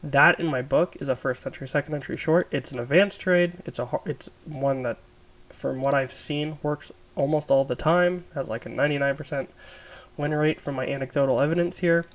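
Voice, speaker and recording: A man with a raspy, under-the-weather voice gives an informal, explanatory chart review as an instructor, thinking aloud as he goes. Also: a little high, normal speed. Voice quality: raspy, smoker's-rasp sound. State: sick, raspy voice. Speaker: trading instructor.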